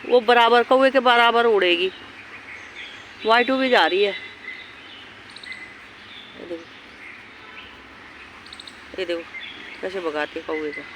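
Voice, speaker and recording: A woman narrates casually into a phone camera while outdoors in a park. She switches between a fond, high voice when calling or scolding the dogs and a calm explaining voice for viewers, at a mid pitch. Faint outdoor noise and birds sit behind her. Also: takes it slowly, long pauses. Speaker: dog owner vlogger.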